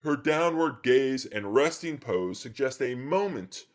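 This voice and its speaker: A man's voice: mid-range voice, animated, unhurried. A man giving a comedic art lecture in an earnest, slightly fussy lecturing manner.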